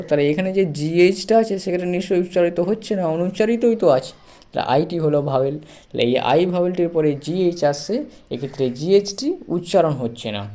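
A man teaches a reading lesson with a somewhat high voice. He works through words slowly, spelling them letter by letter and repeating each point. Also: darkish tone. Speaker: English teacher. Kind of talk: classroom-style reading lesson.

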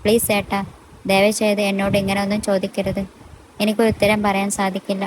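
A woman voicing a tearful, shy young wife in a storybook, pleading softly. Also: medium pitch, monotone, fairly quick, a little hiss or hum, lightly acted, low-quality recording. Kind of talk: storybook dialogue reading.

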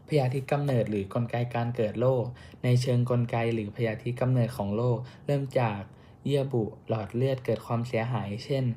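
Student presenter, young man, warm low-key delivery, careful reading with small restarts. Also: slight background noise. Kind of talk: reading a class report.

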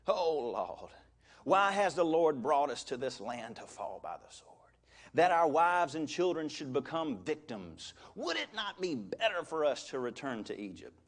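A male pastor preaches with a lively, swooping delivery and a slightly high voice. He calls out for the congregation to answer back and acts out quotes from scripture. The voice carries through a church sanctuary. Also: moderate pace. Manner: animated preaching with call-and-response and acted quotes. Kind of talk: sermon.

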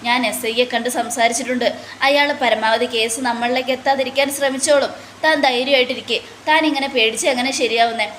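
A smug, scheming boss who talks down to his worker and waves away danger, with a woman putting him on. The pitch runs somewhat high, in an echoey room. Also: steady tone, brisk, a bit bright, a little hiss or hum, lightly acted. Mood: scheming assurance. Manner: dismissive, reassuring with contempt. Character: scheming male manager, calm and bossy.

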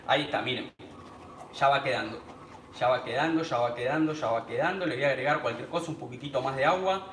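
A man with a Rioplatense Spanish accent hosts a live cooking stream from a small home kitchen, chatting as he cooks and greeting viewers by name. His mid-range voice is a bit bright and quick. The audio is reverberant with a little hiss or hum.

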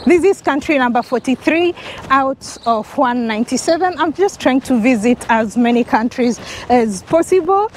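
With a high voice, lively intonation and normal speed, a young Kenyan travel vlogger talks excitedly in her Kenyan accent to an action camera held out at arm's length. She walks a sunny residential street, and the poor audio picks up slight background noise.

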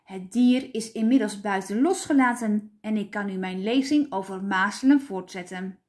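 A woman reading aloud, voicing a formal, reassuring male doctor who gives a measured televised talk. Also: mid-range voice, darkish tone, lightly acted. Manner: measured, addressing an audience.

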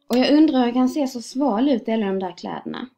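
A woman reading a short story aloud in a calm, measured way. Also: on the high side. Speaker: reader. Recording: dull lo-fi recording.

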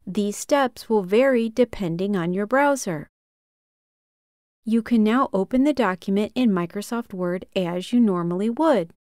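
A woman in her thirties walks through a computer tutorial in a calm, measured way, one step at a time. She sits close to the mic in a small room. The recording is dry. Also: mid-range voice, no room sound. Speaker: tutorial host. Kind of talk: scripted software tutorial.

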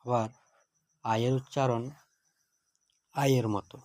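A man gives a grammar lesson at a very unhurried pace, pausing after each word as if dictating. His voice sits at an ordinary pitch, recorded dry and close with no room sound. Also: steady tone, darkish tone, no room sound. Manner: measured, word-by-word dictation with translations. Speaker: teacher.

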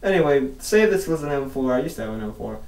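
Quick and expressive, this young man's medium-pitched, slightly mellow voice is muffled by the balaclava and mask he's wearing. He reviews an airsoft mask indoors in a casual, rambling vlog with mild swearing. The camera sits at a distance, giving roomy audio.

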